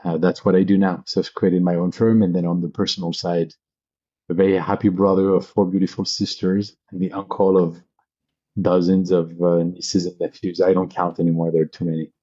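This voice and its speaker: Here a French venture capitalist in his thirties, originally from Paris, chats as a podcast guest, recounting personal stories in an eager, informal way. His low-pitched voice is warm, brisk and fairly flat in pitch, captured in a dry, muffled recording.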